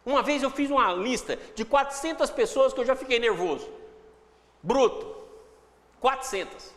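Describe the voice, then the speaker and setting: A man's voice: very high-pitched, expressive, moderate pace, fairly bright tone, long reverb tail. A man giving a reflective spiritual talk with a Brazilian Portuguese accent, acting out inner dialogues in shifting voices. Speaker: spiritual teacher.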